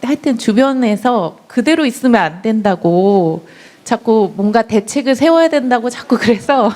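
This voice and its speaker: A woman's voice: fairly high pitch, animated, normal speed, a little mellow. Woman, young adult, audience member, hesitant polite questioning. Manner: hesitant, polite, laughs nervously. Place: lecture hall.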